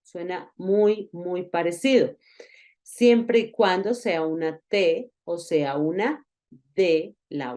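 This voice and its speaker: A woman giving a recorded online lesson, explaining patiently and repeating example words slowly. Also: on the low side, darkish tone. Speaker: English teacher.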